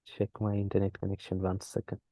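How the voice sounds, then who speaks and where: A man's voice: low-pitched, monotone, brisk, mellow, no echo. A man giving an online lecture from outdoors, his voice breaking up in a buffering stutter over a phone hotspot, explaining with many "uh" fillers. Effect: buffering stutter from a choppy mobile hotspot connection. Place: outdoors while traveling. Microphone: video call over a phone hotspot.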